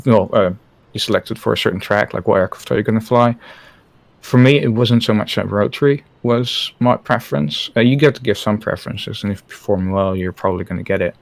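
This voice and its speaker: A former Apache helicopter pilot from the Netherlands, appearing as a guest on a live stream, speaks candidly in an interview and often restarts his sentences hesitantly. His voice is fairly low in pitch, and the recording has no room sound.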